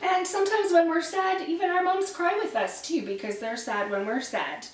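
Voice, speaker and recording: High-pitched lady hosting a kids church lesson, upbeat and encouraging, roomy echo, mic far off. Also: moderate pace. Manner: cheerful, encouraging, teacherly. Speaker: children's ministry host. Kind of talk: children's church cooking lesson. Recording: roomy, distant mic, faint noise.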